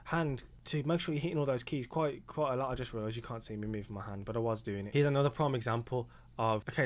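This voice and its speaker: A young British man hosting a casual music reaction video, excitable and slangy, with sudden loud exclamations. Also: mid-range voice. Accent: British English.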